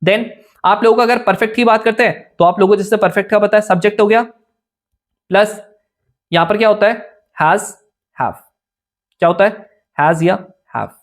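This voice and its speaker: Pausing frequently at a moderate pace, a young man with a high voice runs an informal Hindi-English lesson on English grammar for an exam. He keeps it chatty and repeatedly checks comprehension by asking "clear?".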